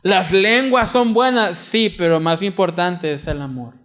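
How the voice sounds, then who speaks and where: A young adult male pastor with a Mexican accent delivers an earnest sermon in church, shifting between loud, emphatic reading and soft, quiet asides. His voice sits high and moves a little slowly.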